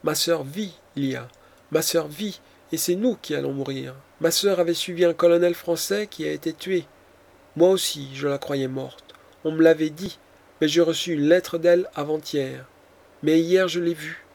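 A man's voice: fairly high pitch, normal speed, gravelly, darkish tone. A man reading the part of a frightened nobleman, a count, in an audiobook, with frantic, anguished delivery. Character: terrified panicking nobleman, a count.

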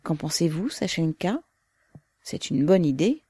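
Woman reading as a lively teasing comrade. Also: sits low, normal speed, no room sound.

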